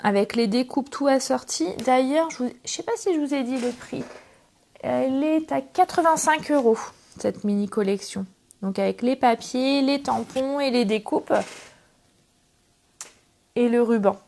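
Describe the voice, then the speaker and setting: A woman's voice: high-pitched, unhurried, creaky. Chatty French-speaking woman crafting. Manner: chatty, relaxed, thinks aloud with fillers. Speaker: crafting tutorial host. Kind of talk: casual step-by-step craft demonstration. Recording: faint background noise and clicks.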